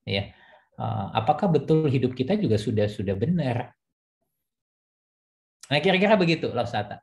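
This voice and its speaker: A man, a pastor and counselor, talking casually on a church talk show and telling a counseling story with many fillers. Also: mid-range voice.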